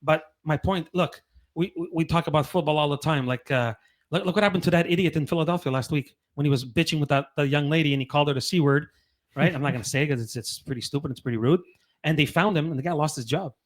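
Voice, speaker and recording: Podcast co-host, man, rapid animated delivery, slightly high voice, profane and emphatic. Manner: animated, swearing, repeats himself for emphasis. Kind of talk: casual chat.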